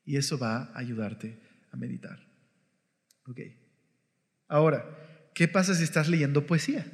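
Man, Bible teacher, conversational, slightly higher voice, long hall reverb. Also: expressive, a little slow. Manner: conversational, keeps checking in with the listener.

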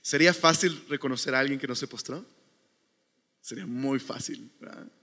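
A man's voice: mid-range voice, normal speed, pushed and bright. Conversational man preaching in a reverberant hall. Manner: conversational, keeps checking in with ok; reads scripture aloud. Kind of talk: sermon.

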